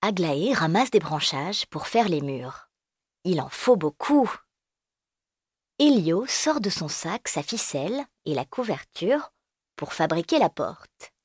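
A woman reading a children's storybook aloud, gentle and expressive. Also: lowish voice, takes it slowly, slightly rough, no echo, clean studio sound.

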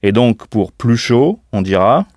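Guy teaching a language lesson, super slow, spells stuff out letter by letter, dead dry studio sound. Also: mid-range voice, lively intonation, darkish tone, dry recording. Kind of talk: scripted audio lesson.

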